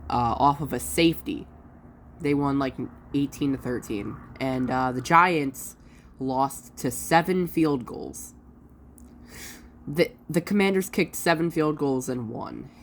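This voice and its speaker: A woman with a low, deep voice and a stuffy, congested sound from allergies. She talks in a loose, chatty way, joking at her own expense and restarting sentences as she goes. A faint hum of room ambience sits behind her. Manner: chatty, self-deprecating, restarts often. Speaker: sports prediction vlogger. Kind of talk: casual solo commentary.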